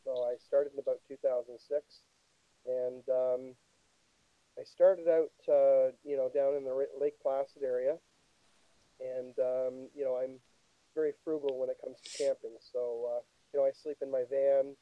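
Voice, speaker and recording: Muddy speaker-as-mic sound, halting man. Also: medium pitch, little pitch movement, no echo. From Toronto, Canada. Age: middle-aged or older. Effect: muddy sound of a speaker used as a microphone. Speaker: call-in guest. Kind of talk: hesitant casual account. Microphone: computer speaker wired up as a microphone. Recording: muffled phone-like jury-rigged speaker mic.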